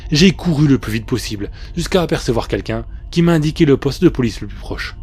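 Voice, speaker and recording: A man narrates a scripted horror tale in the first person. His voice is dark and mellow, set at an ordinary male pitch. Faint music plays underneath. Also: lively intonation, fairly quick, breathy edge. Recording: faint music bed behind the voice. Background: soft background music.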